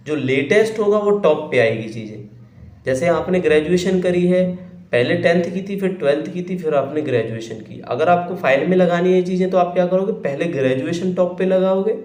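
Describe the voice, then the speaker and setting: A man's voice: a little high, dark tone. Man teaching in an echoey room. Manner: repeats questions to students, explanatory. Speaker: exam-prep teacher. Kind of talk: online lecture.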